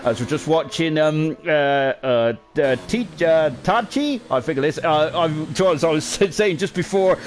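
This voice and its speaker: Male streamer, slightly high voice, chatty self-mocking race commentary packed with fillers. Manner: rambling, self-deprecating, lots of fillers. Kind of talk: live sim racing stream commentary.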